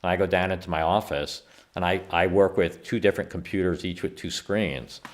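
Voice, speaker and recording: Deep-voiced man explaining calmly. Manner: measured, explanatory, with frequent restarts. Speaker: guest scientist and company founder. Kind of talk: conversational interview answers.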